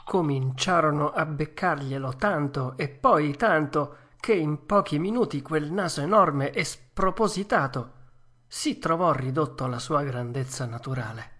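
Female audiobook narrator: deep for a woman, unhurried, measured, gentle storyteller. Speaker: audiobook reader. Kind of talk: audiobook narration of a classic children's tale.

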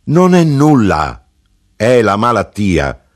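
A man's voice: fairly low pitch, huge pitch swings, slow, full character voice. A man reading the lines of an older Sicilian mother in a storybook reading, giving curt, matter-of-fact replies. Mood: blunt.

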